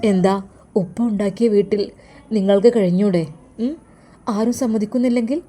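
A woman's voice: medium pitch, brisk, dark tone, lightly acted. A woman voicing a loving, emotional older father who comforts his daughter in an earnest, pleading way. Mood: tender.

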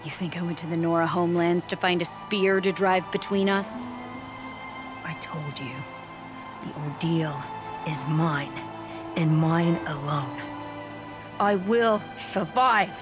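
Slow, proud, stubborn young huntress. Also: female voice, lowish voice. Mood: defiant. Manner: halting, terse, solemn. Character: proud stubborn wounded young woman hunter of a tribe. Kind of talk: dramatic video game acting. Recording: loud music behind. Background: game score music.

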